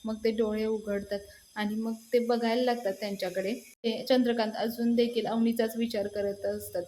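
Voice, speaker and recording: A woman retelling a TV serial episode as a reviewer, in a steady storytelling way with small fillers and restarts. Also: on the high side, normal speed, slight background noise.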